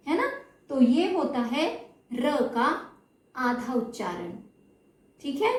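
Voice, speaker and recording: A woman's voice: sits high, a little mellow. A woman teaching Hindi spelling to children, drawing out syllables to model how they sound and often checking that they follow. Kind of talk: slow explanatory lesson. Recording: echoey room, mic at a distance.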